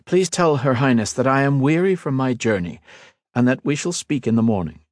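A man's voice: medium pitch, expressive, normal speed, darkish tone, dry recording, studio quality, voice pushed up, close to an everyday voice. A man voicing a proud but decent young mage lord who answers in firm, clipped replies. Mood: apologetic.

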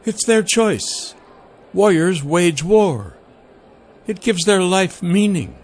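A man's voice: high-pitched, animated, takes it slowly, voice pushed up, exaggerated voice. A man voicing a poised, teasing young noblewoman ruler who speaks in a lofty, coaxing way.

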